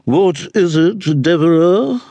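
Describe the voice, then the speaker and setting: Brief: man playing elderly aristocratic duchess, slow, haughty, high and husky. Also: expressive, warm tone, dry recording, heavily acted. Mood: peevish. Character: imperious elderly aristocratic dowager duchess mother.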